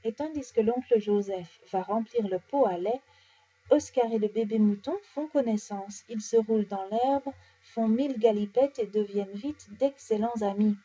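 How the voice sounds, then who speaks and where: A French-speaking woman reading bedtime stories aloud, animated and changing her voice for each character. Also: a little high, normal speed, slightly rough. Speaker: storyteller. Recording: dull lo-fi recording.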